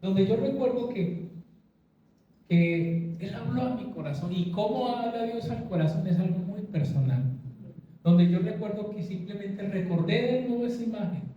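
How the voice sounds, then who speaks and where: High-voiced pastor preaching in an echoey hall. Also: male voice, normal speed, a little hiss or hum. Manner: storytelling, acts out quotes from his own past. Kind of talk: sermon. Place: church or meeting hall before a congregation. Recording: echoey church hall, far from mic, dull sound.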